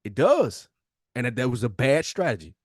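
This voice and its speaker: A very animated American man with a husky, mid-range voice co-hosts a podcast at a moderate pace, recorded dry and at studio quality. He argues casually but emphatically in slangy speech, often lecturing, in a heated casual debate.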